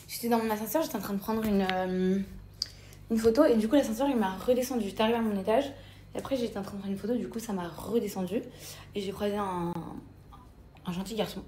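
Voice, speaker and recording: A young woman chats to her viewers in a casual, confiding vlog voice and often slips into soft, almost whispered asides. Her voice rings with a strong echo. Loud ambient noise runs behind her throughout. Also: medium pitch, quick pace. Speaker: lifestyle vlogger. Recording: echoey with loud background ambience.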